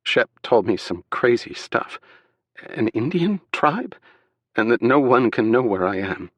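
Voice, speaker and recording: A frightened young wife speaks through tears, her voice cracked and aching, as a man puts her on in an audiobook. She pitches high above the reader's low natural register and sounds fragile and pleading. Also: sing-song, measured pace, breathy edge, no room sound. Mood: tearful relief. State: crying.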